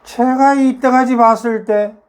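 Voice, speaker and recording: A man's voice: very high voice, steady tone, measured pace, clean tone. Older Gyeongsang man rambling to viewers. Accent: Gyeongsang Korean. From South Korea, North Gyeongsang. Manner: rambling, many fillers, rising rhetorical questions. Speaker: YouTube talk host. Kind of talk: casual monologue to viewers.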